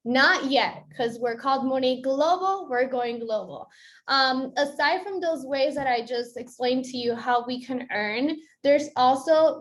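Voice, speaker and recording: A young woman from Colombia walks listeners through a business onboarding in an upbeat, explanatory way. Her voice sits a little high for a woman, and she keeps checking that people are following. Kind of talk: explanatory presentation.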